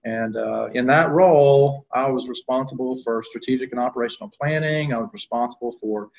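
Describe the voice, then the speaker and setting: A man's voice: mid-range voice, a little fast, vocal fry, highs cut off. A middle-aged man answering interview questions as a guest, talking conversationally with frequent fillers and restarts. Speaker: guest, company executive.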